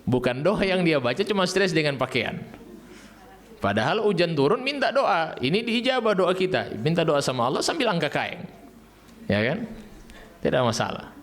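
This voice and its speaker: Man preaching, middle-aged, lively storytelling, mid-pitched voice. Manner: animated storytelling with quoted voices and rising emphasis. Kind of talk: religious lecture.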